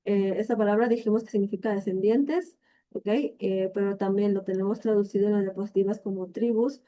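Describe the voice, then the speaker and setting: A woman's voice: mid-range voice, fairly even intonation, a little fast, mellow. A native Spanish-speaking woman from Latin America who teaches Arabic vocabulary, thinking aloud and checking in with her listeners. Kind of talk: explaining Arabic vocabulary in a lesson.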